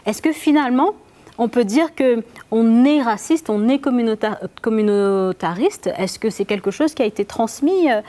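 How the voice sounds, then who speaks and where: A woman hosting a casual discussion, polite and halting, often repeating words. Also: fairly high pitch, expressive, warm tone. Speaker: host.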